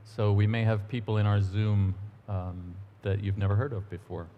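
Low-voiced man preaching in a reverberant church. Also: moderate pace, narrow, tinny audio, a little hiss or hum. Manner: relaxed, storytelling, a few ums and asides. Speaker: church minister. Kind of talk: conversational sermon with announcements. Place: church sanctuary. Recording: long church-hall reverb.

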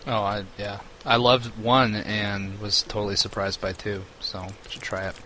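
Bright-voiced man making dry asides. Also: fairly low pitch, little pitch movement, normal speed, a little hiss or hum. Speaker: podcast co-host. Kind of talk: casual chat.

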